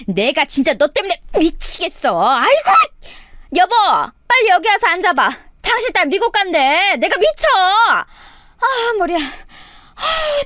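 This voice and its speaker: A woman voicing an exasperated middle-aged mother who scolds her daughter loudly and sighs, in a radio story reading. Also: high-pitched, no room sound, clean studio sound, pitched above the performer's own voice. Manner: loud, sighing, scolding.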